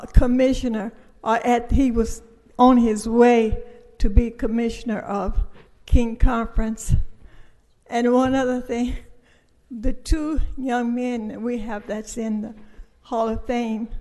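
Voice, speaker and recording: An elderly woman in her eighties speaks in a frail, breathless voice that sits a little high. She takes her informal thanks very slowly, halting after short phrases, and the sound rings in a large hall. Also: a little mellow. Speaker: speaker honored at a ceremony. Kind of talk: informal thank-you speech. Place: large echoing council chamber. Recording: reverberant hall.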